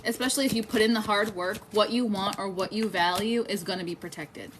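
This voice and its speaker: A woman's voice: medium pitch, a little fast, a little hiss or hum. A woman in her twenties giving a casual, chatty tarot reading on a live stream, swearing freely and talking to her viewers. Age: 20s. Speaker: tarot reader.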